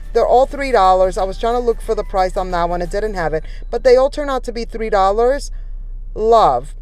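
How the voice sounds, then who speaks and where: A shopping vlogger with a medium-pitched, darkish voice narrates casually and enthusiastically, speaking directly to viewers. The recording is rough, and music plays in the background.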